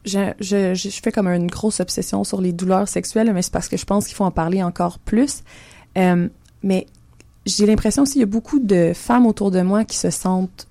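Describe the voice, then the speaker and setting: A woman's voice: medium pitch, moderate pace, warm tone, no echo. A woman with a Québécois French accent hosting a podcast, asking questions in a casual, earnest way. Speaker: podcast host. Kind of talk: conversational interview.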